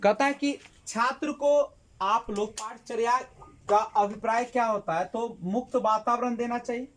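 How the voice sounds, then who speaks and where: A woman's voice: a little high, moderate pace. A woman teacher giving an exam-prep lesson, asking the class questions and answering them herself, repeating key words.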